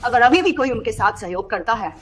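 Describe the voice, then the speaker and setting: A woman's voice: a little high, expressive, fairly quick, a little hiss or hum, close to an everyday voice. A woman voicing a cold, authoritative businesswoman in a dubbed drama. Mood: stern.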